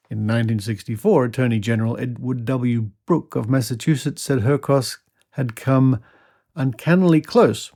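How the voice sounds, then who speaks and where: A man with a gravelly, creaky voice reads an old article aloud as a podcast host. He is mid-pitched and drops in wry comments between passages. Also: dark tone. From Australia. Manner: wry asides while reading. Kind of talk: reading an old news article aloud with asides.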